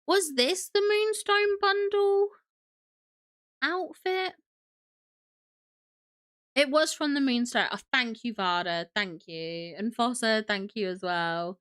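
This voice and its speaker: A woman's voice: fairly high pitch, animated, slow pace, long pauses, fairly bright tone, clear, resonant tone. A young woman hosting a casual livestream, sniffly from a cold, gushing and chatty as she greets viewers. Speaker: livestream host.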